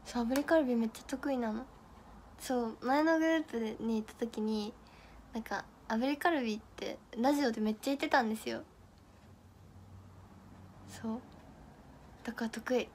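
A young idol from Miyagi in northeastern Japan hosts a casual livestream, reading viewer comments, giggling and stumbling over tongue twisters. Her voice is on the high side and darkish, at normal speed with frequent pauses, and there's a little hiss or hum in the audio.

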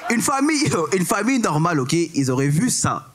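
Young quebecois guy doing standup, slangy, mixes in english, highish voice, faint hiss. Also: expressive, a little fast. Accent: Québécois French. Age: 20s. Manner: slangy, mixes English words, keeps asking "tu comprends?". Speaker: stand-up comedian. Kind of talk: stand-up comedy set. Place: comedy club stage.

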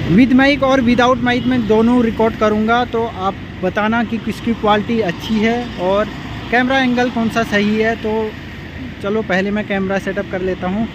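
A young man with a high voice vlogs casually to camera as a motovlogger, walking his viewers through each step. He starts filming on a phone beside a city road, then switches to a helmet-mounted action camera while riding his motorbike. Traffic, vehicle noise and wind make the street recording noisy.

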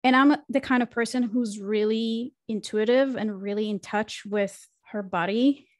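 In a casual interview conversation, an Israeli woman who works as a marketing consultant reflects on her career as a podcast guest, with fillers and restarts. She speaks at a measured pace in a slightly high voice with fairly even intonation. She talks into a studio microphone on a video call from a small room in her home, with no echo.

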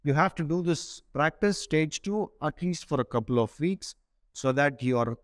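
A man's voice: a little high, lively intonation, moderate pace, dry recording, clean studio sound. A man in his forties giving an instructional breathing lesson in short, separated phrases. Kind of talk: spoken instructional lesson to camera. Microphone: clip-on lapel mic.

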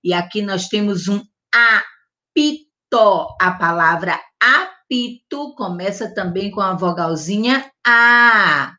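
A woman teacher giving a gentle vowel lesson to young children, drawing out each sound and often checking in with the class. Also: medium pitch, lively intonation. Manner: slow, drawn-out enunciation with diminutives and check-ins; stresses and stretches the vowel sounds loudly. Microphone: close mic, online class recording.

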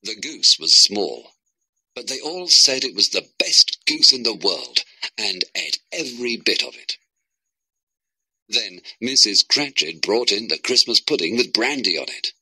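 A man narrating a graded-reader story with a clear, expressive reading. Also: lowish voice, a little slow, no echo, clean studio sound.

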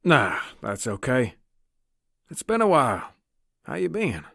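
A rugged, easygoing bounty hunter in an audio drama. He talks casually, and his pitch moves around a lot. The recording is close and dry. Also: huge pitch swings, a little slow, gravelly, a bit bright, no echo, heavily acted. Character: rugged scarred male bounty hunter, laid-back. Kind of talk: full-cast audio drama.

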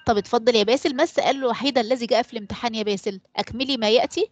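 An Egyptian woman teaching an online class at a breakneck clip, her voice sitting a little high. She calls on pupils by name and pauses mid-sentence for them to fill in the word. The sound is close and dry. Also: no echo. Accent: Egyptian Arabic. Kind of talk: online class quiz and explanation.

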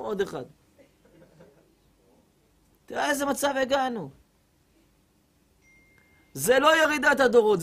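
A man giving a humorous sermon as a rabbi, telling stories animatedly and acting out other people's voices. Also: very high-pitched. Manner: animated comic storytelling, acts out women's voices.

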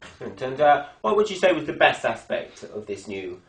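A man's voice: medium pitch, very animated, brisk, a little hiss or hum. A young man playing an earnest TV reporter, in the manner of a parody news anchor. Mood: polite interviewing. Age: young adult. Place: indoor hospital ward, camera microphone at a distance. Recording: echoey room, distant microphone.

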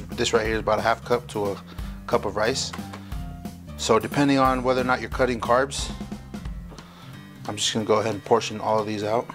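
A man's voice: medium pitch, recorded from a distance. A man casually walking viewers through a home cooking tutorial in his kitchen, chatty and easygoing as he cooks. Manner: relaxed, chatty, talks while cooking. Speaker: cooking vlogger.

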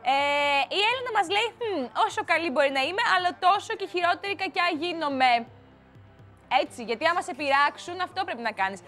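Lively, high-pitched young woman host. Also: faint music behind. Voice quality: odd put-on voice today. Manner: playful, teasing, lively. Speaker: TV host reading viewer comments. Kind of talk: casual chatty TV presenting. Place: TV studio.

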